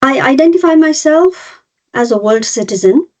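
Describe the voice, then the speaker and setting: A high, darkish-toned woman's voice with lively intonation moves at a moderate pace. She is a cross-cultural trainer in her fifties from Nepal and India giving an online webinar, explaining step by step and frequently restarting or using fillers. Sound comes through a video call, dull and lo-fi.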